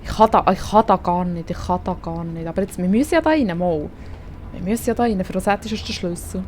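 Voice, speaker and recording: A woman's voice: lowish voice, fast talker, a little mellow, a little hiss or hum. A woman with a Swiss German accent commentating a video game, chatty and swearing at the character on screen. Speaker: gaming streamer. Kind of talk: let's play commentary.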